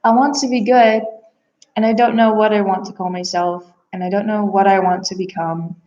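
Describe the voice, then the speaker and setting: In a steady, slightly mellow medium-pitched voice at normal speed, a Bulgarian-born adoptee reflects on herself with earnest, casual rambling. She aspires to work as a therapist and psychic reader, and the room is echoey with a slightly dull sound.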